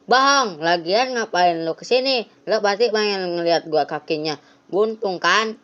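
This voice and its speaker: A woman voicing an angry, suspicious young boy who shouts accusations, on a lo-fi recording. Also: mid-range voice, measured pace, voice pushed up, lightly acted. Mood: accusing. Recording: lo-fi, dull sound.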